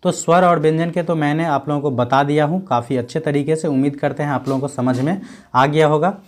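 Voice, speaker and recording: Guy teaching a grammar class, bit high voice, keeps asking then answering himself, draws out each letter. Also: fairly quick. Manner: asks questions and answers them himself; repeats key points with frequent check-ins.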